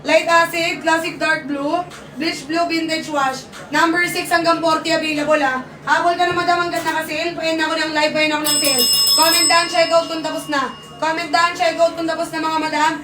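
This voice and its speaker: Young filipino woman on a phone live sale, near-shouting, voice going, flat pitch, faint room hum. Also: fairly quick, distant mic. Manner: loud, near-shouting, urgent and repetitive. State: losing her voice. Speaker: live-selling host. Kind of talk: fast live-selling sales pitch. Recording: echoey room, off-mic, faint ambience.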